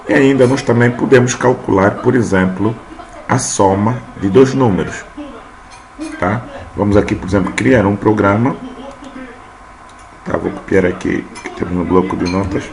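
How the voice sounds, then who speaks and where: In a screen-recorded coding lesson with noisy room ambience and a crowd in the background, a man in his thirties types code while explaining, often adding "tá?". His pitch is fairly low and his speed normal.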